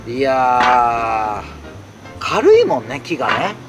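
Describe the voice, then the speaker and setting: A man's voice: mid-range voice, big pitch swings, takes it slowly, over music. A man in a tent in the rain, chatting casually on a live stream and answering viewer comments in an exclamatory way. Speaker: solo camping streamer. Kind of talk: casual live-stream chat while camping. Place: inside a tent while it rains.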